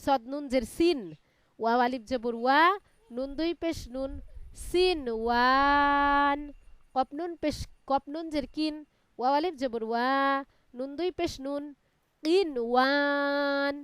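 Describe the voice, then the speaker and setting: High-voiced woman chanting Arabic syllables. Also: slow pace, no echo. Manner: drills Arabic letters syllable by syllable in a steady chant; explains recitation rules in a plainer, lower voice. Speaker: Quran reading teacher. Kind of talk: live online Quran lesson. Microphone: online class call.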